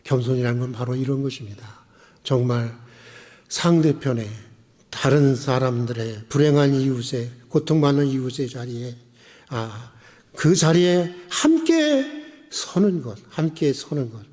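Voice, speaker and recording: A man preaching a sermon as pastor, asking the congregation questions and swinging between emphatic raised phrases and quiet drops. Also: medium pitch, lively intonation, measured pace. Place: church sanctuary. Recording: long church reverb.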